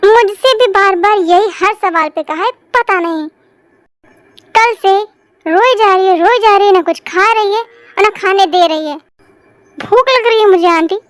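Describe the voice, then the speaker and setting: Girl playing a hot-headed young guy, ranting and scolding, voice stays really high, dry sound. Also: a little slow, no echo. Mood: exasperated. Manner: scolding, exasperated rants. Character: hot-tempered young man, the protective friend. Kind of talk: fan audio story voice acting.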